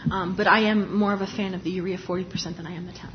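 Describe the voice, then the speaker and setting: A woman's voice: lowish voice, steady tone, rapid-fire, muffled recording. Woman lecturing on dermatology. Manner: explanatory, conversational, frequent restarts. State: talking with a lozenge in her mouth. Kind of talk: live lecture.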